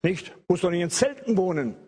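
A man's voice: high voice, lively intonation, a little fast, dark tone, slightly rough. An older man preaching an evangelical sermon, emphatic, repeating phrases and stretching key words.

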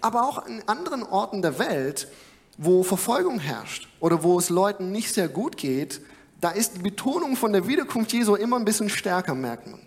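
High-voiced young man preaching in a hall. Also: very animated, moderate pace. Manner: earnest, conversational, with frequent fillers. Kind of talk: sermon. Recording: long hall reverb.

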